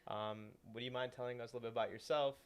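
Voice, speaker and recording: A man's voice: mid-range voice, fairly even intonation, rapid-fire, smooth. A young man hosting a casual podcast, welcoming guests and moving the talk along. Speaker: podcast host.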